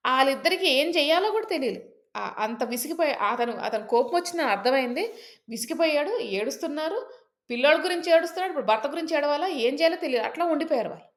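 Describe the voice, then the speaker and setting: A woman's voice: sits high, animated, rapid-fire. A woman storyteller telling a folk tale in a chatty, casual way, with many fillers and asides.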